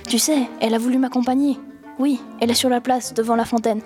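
Brief: a woman reading a rambling, pleading teen boy, mellow low-key voice. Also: fairly even intonation, fast talker, faint music behind, natural voice. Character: impulsive teenage boy, pleading and tearful.

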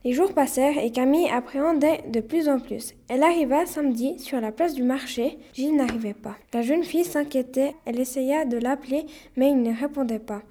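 A woman reads a story aloud with a steady, plain delivery. Her voice is high and mellow, with little edge to it. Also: a little fast, hardly any pauses. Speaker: narrator.

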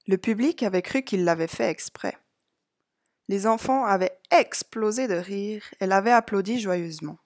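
A woman's voice: mid-range voice, a little mellow. Woman reading a picture book to children. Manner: slow, clear, addressing a child. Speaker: storybook reader. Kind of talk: read-aloud story for children.

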